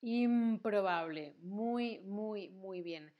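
A woman's voice: on the high side, animated, slow, muffled recording. A woman teaching grammar in a livestream lesson, patient and repeating words to drill them. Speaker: Spanish teacher.

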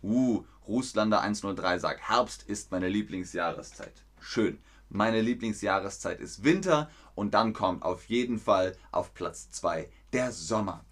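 A man from teaching in a live-stream lesson, speaking slowly and clearly, reading viewers' chat aloud and correcting them. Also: lowish voice, a bit bright.

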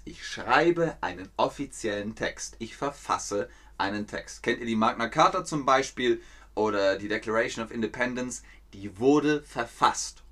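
A male teacher explains history to learners at an unhurried pace. His pitch leaps around expressively, and he acts out scenes with sound effects and repeats key phrases. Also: pushed and bright. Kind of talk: slow, playful explanation for learners.

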